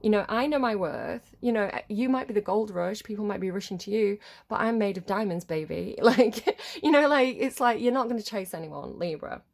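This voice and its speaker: A woman's voice: medium pitch, expressive, fairly quick, creaky, hardly any pauses. A woman giving a casual, chatty tarot reading in a rambling, informal way, her voice slightly muffled by a head cold. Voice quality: slightly muffled, congested nose. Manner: rambling, informal, often checks with "right?". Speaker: tarot card reader.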